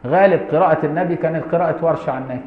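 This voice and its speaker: A man's voice: fairly high pitch, very fast. Egyptian man teaching in an echoey hall. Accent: Egyptian Arabic. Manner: colloquial and mocking asides between text readings. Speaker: Islamic law teacher. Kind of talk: classroom commentary on a law text. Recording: roomy lo-fi lecture hall recording.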